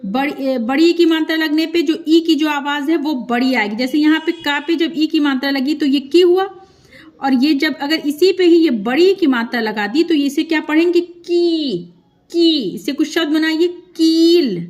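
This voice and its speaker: A woman with a high, light voice teaches a children's script lesson. She speaks slowly and patiently into a close mic. She stretches each syllable and repeats sounds so young learners can follow. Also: darkish tone. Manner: slow, patient, drawn-out syllables.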